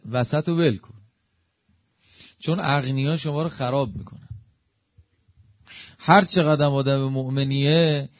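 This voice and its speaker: A man preaching a religious sermon at a middle pitch. He talks to listeners conversationally and builds to emphatic high peaks. The sound is dull and lo-fi, and the room is dry. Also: no echo.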